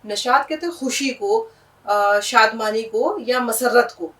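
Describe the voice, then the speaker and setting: An Urdu teacher with a high voice gives a language lesson, patiently spelling out every word letter by letter and saying it again. She seems far from the microphone in an echoey room, and her tone is fairly bright.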